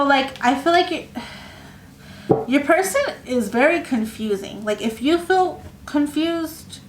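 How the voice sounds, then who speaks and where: A woman giving a casual tarot reading, talking in a rambling, halting way with many fillers and restarts. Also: on the high side, slight background noise. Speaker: tarot reader. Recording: echoey room with faint ambience.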